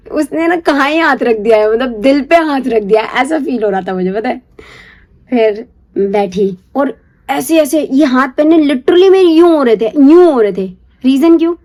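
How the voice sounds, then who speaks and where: A young woman casually telling a personal story in a chatty, confiding way, checking in with the listener and slipping into a hushed whisper for the secret parts. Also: on the high side. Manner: chatty, confiding, keeps asking "you get it?"; drops to a hushed whisper when acting out secrecy. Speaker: storyteller recalling her first love.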